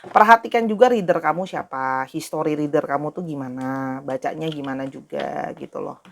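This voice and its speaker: This low-pitched woman, talking at a normal speed with vocal fry, offers viewers a casual tarot reading. Her manner is friendly and direct, and she says things more than once.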